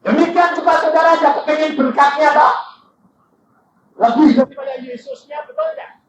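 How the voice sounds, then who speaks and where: An older man preaching a sermon full of stories, swinging from low asides to high shouted quotes. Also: big pitch swings, moderate pace, background noise. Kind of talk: sermon with anecdotes. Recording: dull, echoey hall recording from far off.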